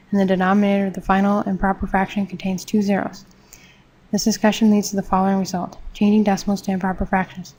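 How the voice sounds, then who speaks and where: A woman teaching a math lesson, reading textbook steps in a steady, measured way. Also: mid-range voice, poor audio. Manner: steady, measured, step-by-step explanation.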